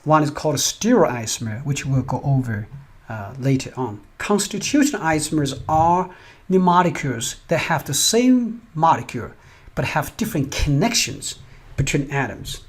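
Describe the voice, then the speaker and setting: Husky-voiced man giving a chemistry lecture. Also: a little high, animated, normal speed. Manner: explains step by step, often asks "right?". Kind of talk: recorded lecture over slides.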